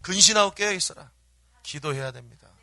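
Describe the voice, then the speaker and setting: A man preaches a sermon in a bright, piercing tone that sits a little high. He tells stories with energy and keeps firing questions at his congregation. The sound is close and dry, with almost no room echo. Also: brisk, gravelly. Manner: animated storytelling, quizzing the congregation. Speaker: pastor. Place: church.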